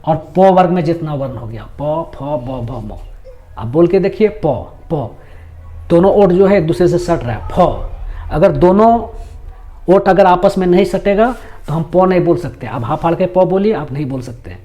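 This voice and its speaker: Man, grammar teacher, slightly high voice, mellow tone, patient, repeats terms. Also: lively intonation, moderate pace, dull audio. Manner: patient explaining, repeats key terms, asks and answers own questions. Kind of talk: grammar lesson.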